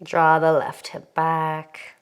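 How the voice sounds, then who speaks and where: A young woman teaching a yoga class, giving calm breath cues with sighs, a bit out of breath. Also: low-pitched, takes it slowly, smooth. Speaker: yoga instructor.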